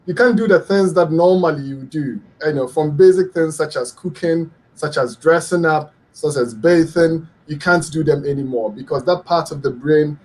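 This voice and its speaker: This middle-aged Ghanaian guest expert on a radio health show talks at a moderate pace, hardly pausing, in a slightly mellow voice that's a little high for a man. He explains earnestly, with many ums and restarts.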